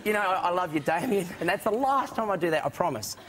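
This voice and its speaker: A young man, a talk show guest, chatting and telling animated stories in a television studio. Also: high voice, fast talker, over a noisy crowd, heavy background noise. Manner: animated storytelling with laughs. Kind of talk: casual chat.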